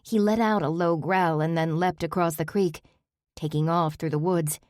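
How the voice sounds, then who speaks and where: Low-voiced woman reading an audiobook. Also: steady tone, normal speed, a little mellow, dry recording, studio quality. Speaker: audiobook narrator. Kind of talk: first-person audiobook narration.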